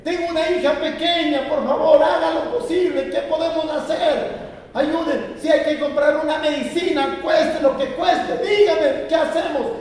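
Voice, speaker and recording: A man acting out a desperate young mother begging a doctor, his voice pushed high and loud, recorded far off in an echoey hall. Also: fairly even intonation, unhurried. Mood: pleading. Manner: pleading, raised high and loud. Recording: echoey hall, distant mic.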